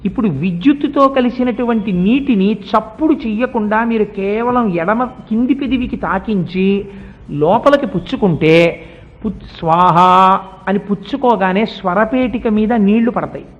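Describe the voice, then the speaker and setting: A middle-aged man giving a devotional discourse, explaining at length and chanting mantras slowly. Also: high voice, muffled recording. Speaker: religious speaker.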